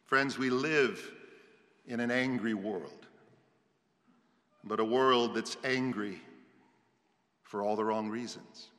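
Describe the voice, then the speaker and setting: A man's voice: medium pitch, steady tone, slow, long pauses, fairly bright tone. A male preacher giving a sermon with storytelling, emphatic and rhetorical, building up in lists. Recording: long hall reverb.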